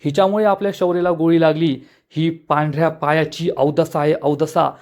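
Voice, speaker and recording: A man voicing a furious, superstitious middle-aged mother in a dramatic serial recap, with rushed, accusing lines. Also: fairly high pitch, flat delivery, a little mellow, lightly acted. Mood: angry, accusing.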